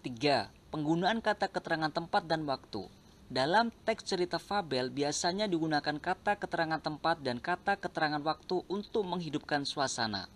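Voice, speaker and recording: A man reading out a grammar lesson in an even, list-like way. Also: a little high, moderate pace, a little hiss or hum. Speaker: teacher.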